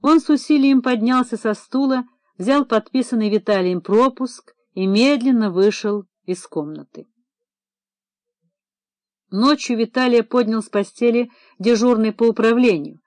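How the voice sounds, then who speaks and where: Woman audiobook narrator, steady, even, close dry sound. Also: on the high side, a little slow, dry recording. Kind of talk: scripted narration.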